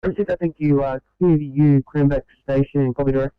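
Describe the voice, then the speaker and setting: A man's voice: mid-range voice, steady tone, brisk, smooth, no room sound. A man working as a fire dispatcher, speaking in clipped radio procedure over a two-way radio. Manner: clipped call-sign talk. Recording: narrow two-way radio channel, dry.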